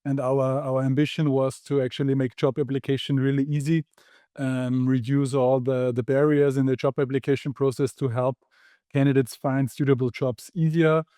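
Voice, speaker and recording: A man speaking as a podcast guest, measured and a bit hesitant with ums. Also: medium pitch, level tone, mellow, no echo, studio quality. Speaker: guest, startup founder. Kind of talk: casual podcast conversation.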